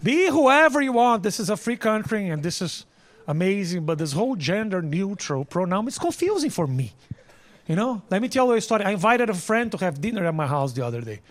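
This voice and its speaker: In a very noisy recording of a live comedy show, a native Portuguese-speaking man with a Brazilian accent talks a little fast in a high voice with big pitch swings. He's emphatic, repeats himself, and curses freely, and the audience laughs over loud background noise.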